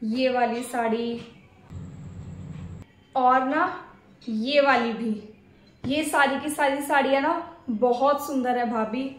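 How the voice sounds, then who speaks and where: Lady doing a bratty greedy sister-in-law, high whiny voice, echoey room. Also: fairly even intonation, slow, long pauses. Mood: sly. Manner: demanding, whiny, bossy. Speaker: husband's sister. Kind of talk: family skit drama.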